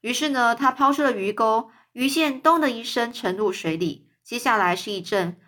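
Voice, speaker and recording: Bright-voiced woman reading a story aloud. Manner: pauses to explain words in simple terms; voices the quoted characters with raised pitch. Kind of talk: read-aloud storytelling with explanations for children.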